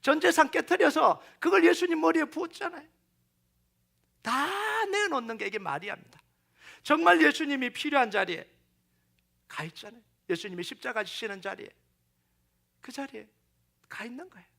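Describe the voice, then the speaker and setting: A middle-aged man preaching a sermon as pastor, animated, acting out quoted voices and sinking to near-whispers. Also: extremely high pitch, moderate pace, gravelly, pauses often.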